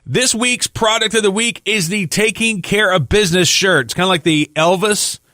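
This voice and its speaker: A man's voice: high-pitched, normal speed, pushed and bright, dry recording. Male co-host, chatty and loose, tired, dry close mic. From Louisiana. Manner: chatty, loose, with filler words. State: tired, yawning. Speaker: podcast co-host. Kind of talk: casual podcast chat, reading sponsor plugs.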